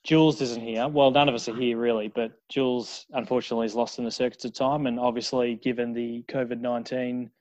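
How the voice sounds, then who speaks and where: A man's voice: medium pitch, little pitch movement, brisk, few pauses, darkish tone, dry recording, poor audio. A man with a broad Australian accent hosting a casual podcast, recorded at home over an online link. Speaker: podcast host.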